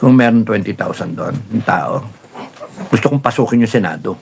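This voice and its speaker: Gravelly man rambling on a live stream. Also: on the low side, normal speed, a little hiss or hum. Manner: rambling, animated storytelling with laughs and repeated fillers. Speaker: live-stream host reading viewer comments. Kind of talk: casual live-stream chat.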